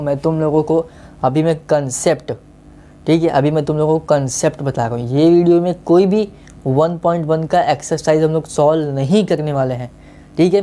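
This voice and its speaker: A man's voice: a little high, dark tone. A male teacher gives a casual online maths lesson, coaxing his students and often checking that they have understood.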